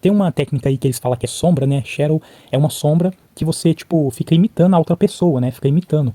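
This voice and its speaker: A man's voice: on the high side, fast, mellow, no room sound. A Brazilian man talking casually to camera, sharing his own story and checking in with the viewer often. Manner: chatty, frequent "tá?" and "né?" check-ins; replays conversations by imitating both sides. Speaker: vlogger. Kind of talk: casual talk to camera about learning English.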